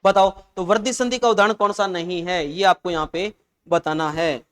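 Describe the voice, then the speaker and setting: A man's voice: high voice, fairly even intonation, normal speed, a bit bright. A man teaching an exam-prep lesson, chatty and often calling listeners "saahab" and "bhai".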